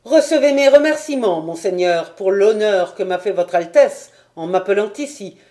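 Woman doing a defiant male rebel captain, storybook audiobook, haughty, bold, mellow voice. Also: mid-range voice, lively intonation, normal speed, lightly acted.

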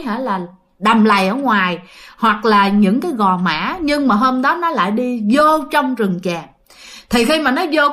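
A woman with a Southern Vietnamese accent tells a ghost story in a chatty, dramatic way, often speaking directly to her listeners. Her voice is fairly high and fairly bright, and the talk is casual spoken storytelling.

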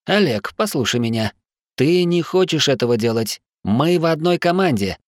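A man voicing Lars, a Dutch man who pleads with and calmly reasons with a friend. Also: mid-range voice, moderate pace, no echo, studio quality, pitched above the performer's own voice, lightly acted. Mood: pleading.

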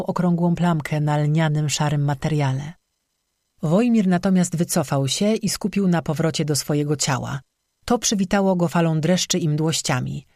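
An audiobook narrator reading a dark folk fantasy story in a steady, even way. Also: mid-range voice, dry recording, studio quality.

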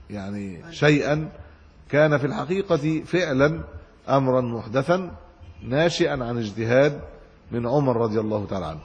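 An Islamic scholar with an Egyptian Arabic accent teaches hadith commentary, reading classical text aloud and explaining it in colloquial asides. His mid-range voice is husky with a darkish tone, and the sound carries like a big room.

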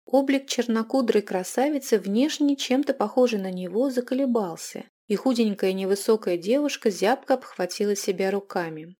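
A woman reads dark fantasy narration in an audiobook. Her reading is expressive and measured, at a middle pitch for a woman.

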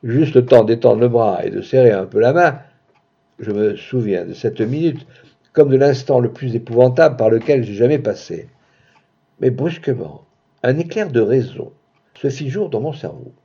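A man narrating a literary story in a theatrical way, swinging from hushed passages to booming outbursts, heard in a dull lo-fi recording. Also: lively intonation, normal speed, slightly rough. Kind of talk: dramatic literary audiobook reading.

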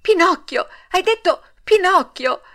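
A woman's voice: medium pitch, unhurried, fairly bright tone, natural voice. A woman voicing a wooden puppet boy in an audiobook, wailing and pleading through sobs. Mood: eager. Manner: sobbing, wailing pleas. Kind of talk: audiobook character voice.

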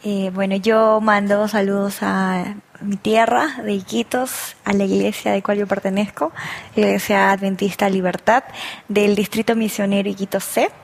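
A woman from Peru, a missionary guest on a religious talk show, speaking gently and introducing herself with soft fillers. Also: mid-range voice, little pitch movement, normal speed, creaky. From Peru, Loreto region.

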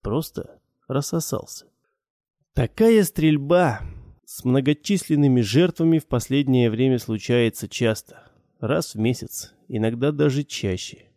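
A man reading a first-person audiobook in a measured, matter-of-fact way. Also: mid-range voice, creaky, mellow, dry recording, studio quality. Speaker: audiobook narrator.

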